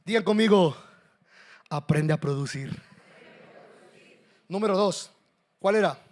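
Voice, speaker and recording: A male pastor delivering a sermon in a fairly high voice. He swings from loud calls to the congregation to soft, confiding asides, with an animated preaching delivery. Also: slow.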